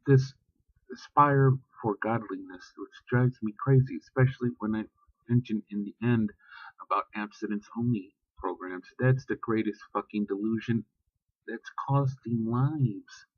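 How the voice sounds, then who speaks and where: A man's voice: mid-range voice, fairly bright tone, no echo, muffled recording. A man ranting bluntly and profanely in a casual vlog, talking about religion with heat. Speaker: vlogger. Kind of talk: casual spoken rant.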